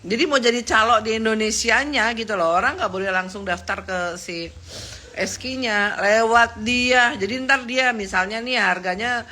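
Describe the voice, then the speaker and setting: A woman's voice: normal speed, bright, forceful tone, a little hiss or hum. A woman chatting on a live stream, gossiping in a mocking tone and laughing often. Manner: mocking, laughs often, mimics others in a squeaky voice.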